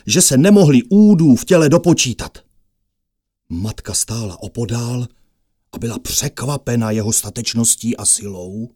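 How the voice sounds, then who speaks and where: A man's voice: mid-range voice, dry recording. Dry-voiced male fairy-tale storyteller. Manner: lively storytelling, rising with the action.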